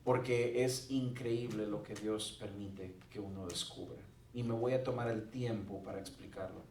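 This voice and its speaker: A man's voice: on the low side, steady tone, moderate pace, darkish tone, slight background noise. A male pastor preaching a sermon in a conversational way with joking asides. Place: church sanctuary. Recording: roomy church sound from a distant mic.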